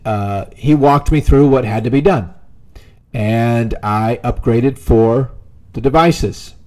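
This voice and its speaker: A man's voice: mid-range voice, darkish tone. A man from the United States telling a long, exasperated story in a casual vlog, acting out the people he talked to. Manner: exasperated storytelling, quoting others in dialogue. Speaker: vlogger. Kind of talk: casual monologue.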